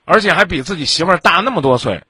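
Sharp, blunt Beijing-accented man, scolding. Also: fairly high pitch, animated, fast, husky, dry recording, studio quality. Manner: blunt, scolding, rhetorical questions. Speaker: advice show host. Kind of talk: call-in relationship counselling.

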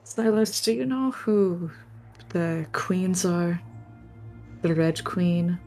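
Woman, slightly low voice, unhurried, casual tabletop player, soft music behind. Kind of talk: casual game-table chat.

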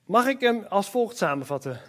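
A man with a high voice preaches a church sermon. He talks with enthusiasm and breaks into exclamations. He keeps turning to the congregation and speaking to them directly. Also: sing-song, moderate pace, a bit bright.

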